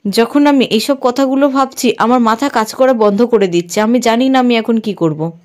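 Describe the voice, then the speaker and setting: A troubled man, a doctor caught between two women, reads out his worries in a fairly high, steady voice, as a woman narrator speaks his lines. It is a plain read-aloud retelling of a serial episode. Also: moderate pace, close to an everyday voice. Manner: plain read-aloud dialogue, barely acted.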